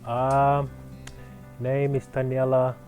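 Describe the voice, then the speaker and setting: Earnest man from Fiji, soft music behind. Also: mid-range voice, monotone, takes it slowly. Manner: earnest, proud, with frequent fillers and restarts. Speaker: clothing brand founder. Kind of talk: interview answers.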